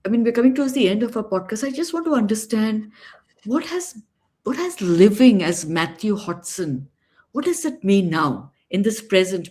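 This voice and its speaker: A woman's voice: medium pitch, darkish tone. A woman hosting a podcast interview, speaking with empathy and asking long, winding questions. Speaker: podcast host. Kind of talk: interview conversation.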